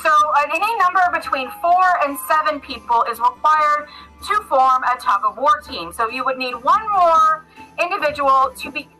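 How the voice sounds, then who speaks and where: A man's voice: extremely high pitch, animated, normal speed, pushed and bright, soft background music, heavily acted, rough recording. A woman voicing a large, friendly male centaur who organizes games, talking in an upbeat, welcoming way.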